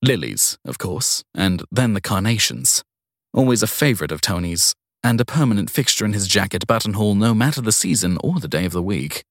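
Telling a crime story in the first person, a low-voiced man delivers measured phrases broken by dramatic pauses, his intonation swinging broadly. The performance is expressive, and the recording is dry, with no sense of the room around him.

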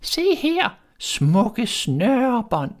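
A sly old peddler woman, voiced by a man reading a storybook. Her voice climbs high and stretches every word in a slow, coaxing drawl. She is a wicked queen in disguise. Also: huge pitch swings, heavily acted. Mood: wheedling. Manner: high, drawn-out, wheedling voice.

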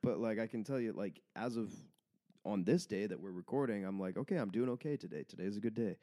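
A man's voice: on the low side, fast, mellow. A man, a comedian guest on a podcast, speaking frankly, laughing easily and acting out little quoted exchanges. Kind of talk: casual conversation.

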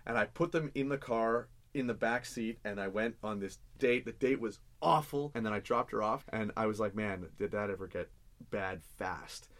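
A man guest chatting casually, an animated storyteller who stammers on restarts and gets loud when excited. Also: medium pitch, moderate pace, few pauses. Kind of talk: casual chat.

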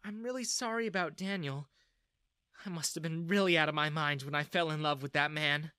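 A man voicing a sympathetic middle-aged mother who speaks gently and apologetically. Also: on the high side, flat delivery, fast, smooth, no echo, clean studio sound. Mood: gentle.

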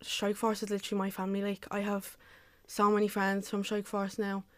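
Young woman, even and level delivery, dry close sound, casual and full of "like". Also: mid-range voice, a little fast, no room sound. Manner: filler-heavy, says "like" constantly. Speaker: cheerleader and youth coach. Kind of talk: casual interview answers.

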